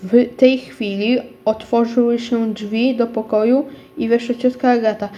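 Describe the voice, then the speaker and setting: Woman reading a children's story, mellow. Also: fairly high pitch, unhurried, muffled recording. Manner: steady reading with small slips and restarts. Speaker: narrator. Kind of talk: reading a children's book aloud.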